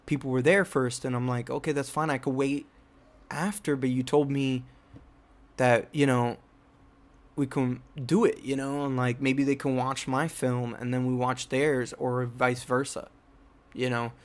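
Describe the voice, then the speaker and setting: Speaking a little slowly in a level, mid-range voice, a young filmmaker and channel host from New Jersey, United States, recounts a rambling personal story about his filmmaking, with many fillers and restarts.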